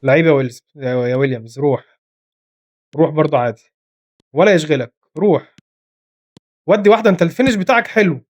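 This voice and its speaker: A man with an Egyptian accent giving rapid, excitable live commentary on his own football video game match, scolding his players, his voice going hoarse. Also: a little high. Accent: Egyptian Arabic. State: voice getting hoarse. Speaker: gaming commentator.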